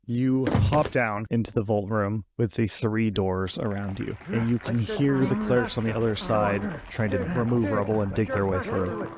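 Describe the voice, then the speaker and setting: A man's voice: lowish voice, moderate pace, very noisy. A man running a tabletop game as game master, narrating scenes in a descriptive way.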